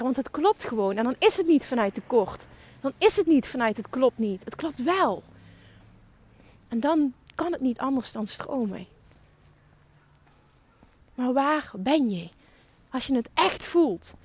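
A woman's voice: high-pitched, animated, moderate pace, long pauses, darkish tone, slightly rough. A young woman giving an emphatic, urging motivational monologue as a podcast host, swearing for emphasis. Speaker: podcast host and business coach.

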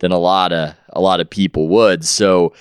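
A man, a guest writer on a casual podcast, telling an animated story. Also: sits low, moderate pace, clean tone, no echo, studio quality.

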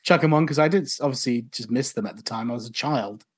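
A podcast co-host in casual chat, enthusiastic and rambling, quick to joke. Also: mid-range voice, slightly rough.

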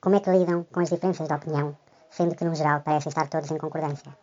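A man's voice: fairly high pitch, fairly even intonation, very fast. A male listener whose recorded message is distorted by a voice changer to stay anonymous, asking a polite, hesitant question. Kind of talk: short recorded question to a podcast. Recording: dull lo-fi voice message.

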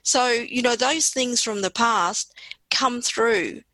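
A woman's voice: on the high side, takes it slowly, bright, forceful tone, no echo, rough recording. A woman from Western Australia with an Australian accent, a poet talking reflectively in conversation as an interview guest.

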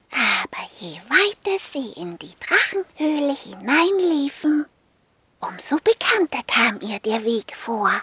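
Woman reading a children's story, half-whispered, high, slow, lively, dry close sound. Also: husky, no room sound. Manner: soft, half-whispered narration.

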